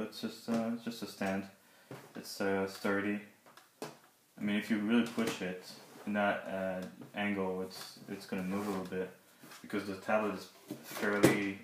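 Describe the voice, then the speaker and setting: Low, monotone man, hesitant, sore-mouthed. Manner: hesitant, halting, talking awkwardly through a sore mouth after wisdom tooth removal. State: in pain after dental surgery. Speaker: product reviewer, 3D artist. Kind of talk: casual unscripted tablet review and demo. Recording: roomy echo, background hiss and clicks.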